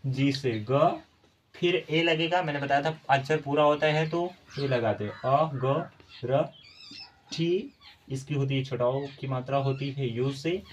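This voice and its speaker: A man's voice: mid-range voice, takes it slowly, slight background noise. A man teaching a spelling lesson, spelling out letters one by one and explaining patiently. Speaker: English teacher.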